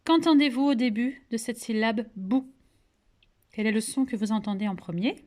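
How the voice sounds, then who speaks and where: A woman teacher with a French accent leads a recorded phonics lesson for young children, pronouncing each word slowly and clearly, asking gentle questions and praising the answers. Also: a little high. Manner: slow, clearly articulated, patient, coaxing questions and praise. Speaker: kindergarten teacher.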